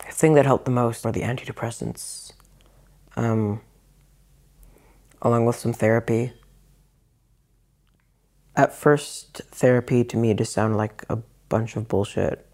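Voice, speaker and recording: A man giving a frank, reflective personal account in an interview. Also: a little mellow. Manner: reflective, frank, low-key. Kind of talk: candid personal testimony.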